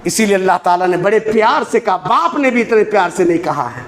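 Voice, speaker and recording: A man giving an impassioned Friday sermon in a mosque, firing off rhetorical questions and drawing out recited Arabic verses slowly. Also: high voice, expressive, a bit bright, slight background noise. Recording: echoey mosque hall with faint ambience.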